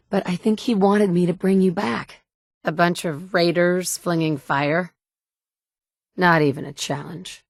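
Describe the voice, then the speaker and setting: A woman with a lowish voice plays the video game's player character, a capable survivor who speaks directly and firmly. It's a dry studio recording with no room sound.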